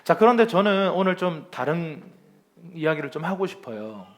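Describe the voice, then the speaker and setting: A male pastor giving a lively, conversational Sunday sermon to a congregation in a church, acting out complaints and chuckling as he goes. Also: on the high side, moderate pace. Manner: chuckles often while speaking.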